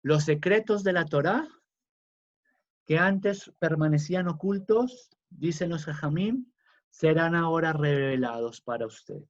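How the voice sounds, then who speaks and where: A man teaching a religious class in a slow, emphatic way, with fillers and restarts. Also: a little high. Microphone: video class recording. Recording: dull lo-fi sound.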